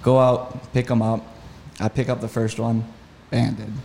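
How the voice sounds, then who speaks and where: Gravelly, dark-toned man, keen podcast storyteller. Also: medium pitch, measured pace, slight background noise. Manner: enthusiastic, animated retelling. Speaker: podcast guest, hunting guide. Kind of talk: casual storytelling.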